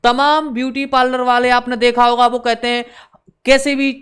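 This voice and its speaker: A man teaching an exam-prep lesson. He repeats each point, quizzes listeners with questions, slows down on key words and adds teasing asides. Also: very high voice, level tone, a bit bright, clear, resonant tone.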